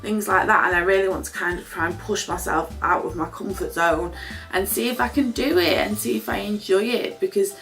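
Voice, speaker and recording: Speaking a little fast in a medium-pitched, creaky, slightly bright voice, a British woman vlogs in an informal get-ready-with-me style. She's chatty, unscripted, and self-deprecating, rambling as she goes, with faint music playing behind her.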